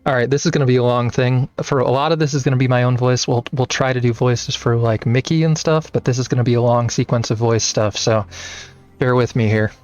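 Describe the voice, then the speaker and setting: A man's voice: mid-range voice, fairly even intonation, brisk, a little mellow, dull audio. A man streaming a video game, making rambling, self-deprecating asides. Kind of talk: casual game commentary.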